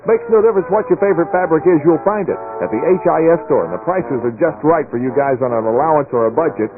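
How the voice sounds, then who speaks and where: American guy, 60s top 40 dj, hip slangy patter, highish voice, tinny am radio. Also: fast. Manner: slangy, showy hipster patter. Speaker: radio disc jockey. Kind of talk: 1960s top-40 radio patter with live ad reads and scores. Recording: tinny old AM radio aircheck. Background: music.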